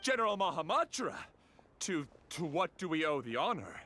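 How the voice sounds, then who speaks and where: An actor playing a deferential, flustered garrison guard in a video game, speaking formally and eagerly. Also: male voice, fairly high pitch, lively intonation, moderate pace, a bit bright.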